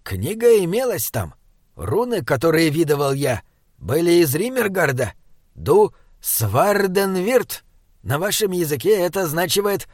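A man's voice: on the high side, big pitch swings, a little slow, no echo, studio quality. A man voicing a small, earnest male troll sage who speaks in stilted, oddly phrased sentences. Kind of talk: audiobook character reading.

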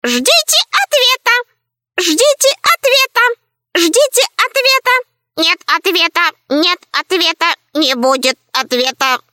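A woman reading a storybook, voicing a creaky, evasive male robot assistant that talks stiffly and repeats itself. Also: extremely high pitch, expressive, unhurried, pauses often, pushed and bright, pitched above the performer's own voice, exaggerated voice. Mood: malfunctioning. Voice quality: creaky, mechanical. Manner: stiff, repetitive. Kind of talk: audiobook character voice.

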